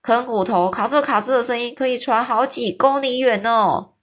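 A huge male giant from a storybook, put on by a woman reading aloud. He booms out his teasing remarks and draws out every exclamation. The voice sits fairly high for a giant. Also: natural voice. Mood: boisterous. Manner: booming, boisterous, drawn-out exclamations.

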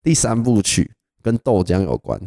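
A young man with a Taiwanese Mandarin accent, co-hosting a podcast and telling stories in a lively casual way, laughing often. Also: on the low side, normal speed, dry recording, clean studio sound. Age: young adult. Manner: animated storyteller, laughs often. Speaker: podcast co-host. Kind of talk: casual storytelling chat.

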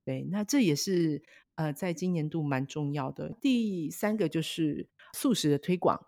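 Measured woman, dry. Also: deep voice, dry recording. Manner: measured, adds soft "ha" tags. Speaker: foundation director, guest. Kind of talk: podcast interview.

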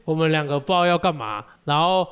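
A man co-hosts a relaxed podcast. His voice sits a little high for a man. He chimes in with teasing remarks. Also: fast talker, clean tone. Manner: teasing, laughs along, chimes in. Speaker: podcast co-host. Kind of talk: casual podcast chat.

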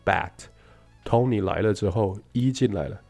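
Low gravelly-voiced male English teacher. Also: expressive, fairly quick, warm tone, soft background music. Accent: Taiwanese Mandarin. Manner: explains with a story, mixes English words into Mandarin. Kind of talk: casual spoken English lesson.

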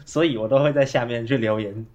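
A man's voice: medium pitch, fast talker, a little mellow, muffled recording. Taiwanese man with a cold, talking through a face mask. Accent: Taiwanese Mandarin. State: has a cold with a cough. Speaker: podcast co-host. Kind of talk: casual chat.

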